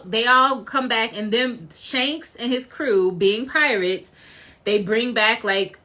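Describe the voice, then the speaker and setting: A woman chatting casually as a vlogger, rambling and animated and laughing often. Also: fairly high pitch. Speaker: vlogger reviewing a series. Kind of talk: casual chat.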